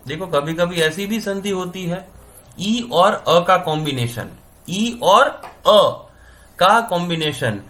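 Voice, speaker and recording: A man teaches grammar in a slightly raised voice. He talks slowly and spells out each sound, repeating it and asking whether his students are following. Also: high-pitched, a bit bright. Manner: repeats sounds slowly, checks understanding with "समझ में आ रहा है ना?". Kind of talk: classroom-style explanation.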